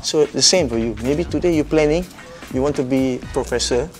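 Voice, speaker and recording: A man's voice: mid-range voice, a little fast, darkish tone, soft background music. A middle-aged man from Singapore with a Singaporean English accent, a football coach talking casually and directly about his career. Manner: plain, direct, with local fillers.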